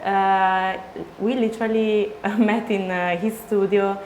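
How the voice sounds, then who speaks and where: A woman from Spain, a DJ guest answering interview questions in halting English with many fillers. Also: mid-range voice, level tone, darkish tone. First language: Spanish or Italian. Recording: echoey room, faint noise.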